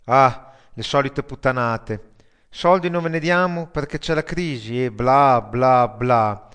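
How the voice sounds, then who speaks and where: A male audiobook reader voices a sardonic metalhead worker who grumbles and swears about his job. The delivery is loud and coarse at an ordinary middle pitch, slow and clean in tone, with a grumbling mood.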